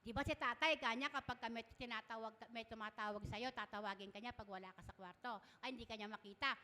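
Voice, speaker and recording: A woman giving an emotional personal testimony in church, halting and tearful, laughing softly between lines. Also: on the high side, big-room sound.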